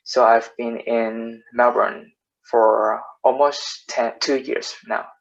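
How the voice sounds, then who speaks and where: A young man from Vietnam speaks fluently and calmly as a student panelist. His mid-pitched voice comes through a video call, and the audio sounds dull and lo-fi. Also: slow, vocal fry. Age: young adult. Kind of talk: answering interview questions.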